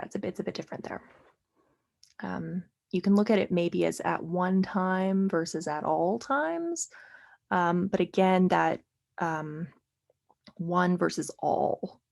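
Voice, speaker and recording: A woman's voice: lowish voice, gravelly, darkish tone. A young woman tutoring through test logic questions, thinking aloud with many fillers and a dry, sarcastic aside now and then. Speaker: LSAT tutor.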